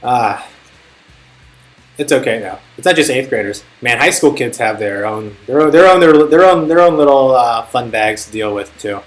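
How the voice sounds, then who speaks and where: A man's voice: mid-range voice, expressive, moderate pace. A young man chatting casually on a live stream, telling a rambling, profane story as a tutor. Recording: faint music behind. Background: faint music.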